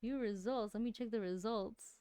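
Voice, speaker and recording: A woman hosting a casual chat stream, talking in an animated, giggly way. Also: fairly high pitch, moderate pace, very noisy. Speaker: streamer host.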